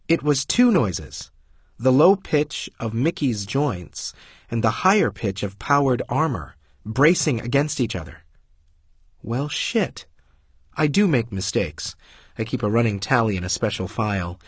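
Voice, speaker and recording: A man's voice: on the low side, husky, no echo. A man narrating an audiobook in the first person, with a wry, understated delivery.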